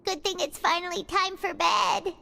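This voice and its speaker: An actress voicing Paimon, a tiny, excitable fairy companion in a video game, chatty and squeaky, who talks about herself in the third person. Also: female voice, normal speed, vocal fry, full character voice. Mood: impatient. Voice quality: squeaky, childlike. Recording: game audio with loud music. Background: loud game music.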